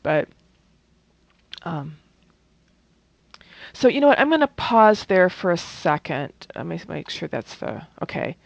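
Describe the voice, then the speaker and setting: A woman's voice: on the low side, dry recording. A woman presenting a training workshop in a conversational way, with many fillers and restarts. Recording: dull, dry lo-fi recording.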